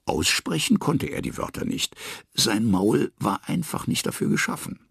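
A man reading a children's story aloud in an expressive, lively way. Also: mid-range voice, normal speed, vocal fry, breathy edge, no room sound, studio quality.

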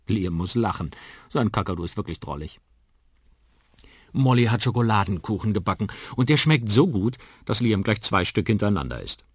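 Low husky guy reading a kids story, super animated, dry close sound. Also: normal speed, dry recording. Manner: expressive, vivid storytelling. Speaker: narrator. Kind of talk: children's audiobook reading.

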